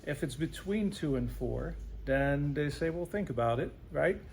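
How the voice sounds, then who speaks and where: Here the radon specialist has a slightly high, expressive voice that is creaky and a little mellow, speaking a touch slowly. He answers the interviewer in plain terms, often adding "right?", with a little hiss or hum in the audio.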